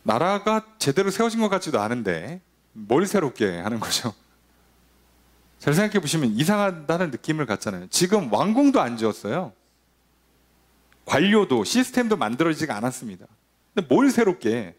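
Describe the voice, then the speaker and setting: In this Sunday sermon, the pastor's voice runs fairly high and a little fast. He preaches with liveliness, asking rhetorical questions and dramatizing quoted speakers for a moment.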